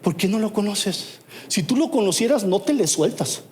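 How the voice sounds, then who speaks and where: Mexican male pastor, very high voice, emphatic sermon with many rhetorical questions, church hall with long reverb. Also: animated, normal speed. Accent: Mexican Spanish. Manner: swings from soft and low to loud and high.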